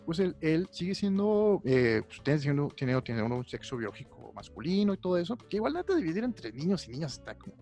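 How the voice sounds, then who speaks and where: Young Mexican man, animated slangy podcast talk. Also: on the high side, a little fast, hardly any pauses. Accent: Mexican Spanish. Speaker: podcast co-host. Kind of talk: casual chat. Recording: faint music behind.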